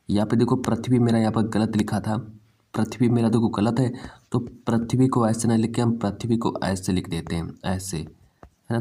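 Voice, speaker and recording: A man's voice: on the low side, warm tone. A man teaching an exam-prep language lesson, drilling each word over and over and calling his students "bhai".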